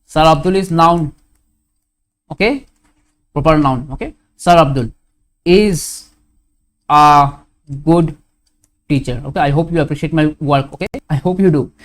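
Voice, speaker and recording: A man's voice: on the high side, measured pace, long pauses. A man teaching a grammar lesson, putting questions to his students and answering them himself, often stopping to correct himself and saying "okay.". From India.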